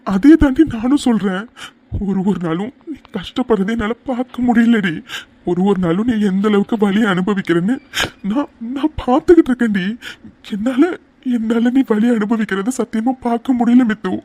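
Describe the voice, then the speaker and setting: Woman voicing a devoted young cartoon hero, mellow mid-pitched voice, earnest and insistent. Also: normal speed, dry recording, close to an everyday voice. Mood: determined. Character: young man, stubborn and devoted.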